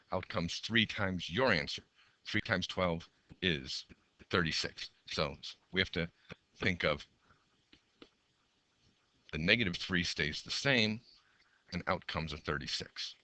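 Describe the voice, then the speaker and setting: Low bright-voiced male math teacher. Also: unhurried, pauses often, no echo. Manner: talks through each step while drawing, counts aloud. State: losing his voice. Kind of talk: recorded math lesson, sketching graphs.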